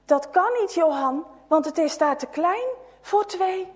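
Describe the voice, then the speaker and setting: Woman voicing an anxious little girl, high fretful voice, sighing, storybook. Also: unhurried.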